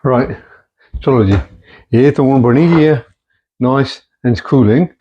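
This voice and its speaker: A man's voice: mid-range voice, a little slow, mellow, slight background noise. A middle-aged man casually showing home cooking in his kitchen, chatting easily and slipping in Punjabi-Urdu phrases. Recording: dull lo-fi home recording.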